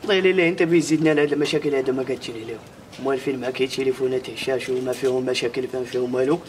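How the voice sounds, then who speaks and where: A young man with a Moroccan accent, trading brisk street banter in a comedy sketch. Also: medium pitch, fairly even intonation, darkish tone, slight background noise, close to an everyday voice.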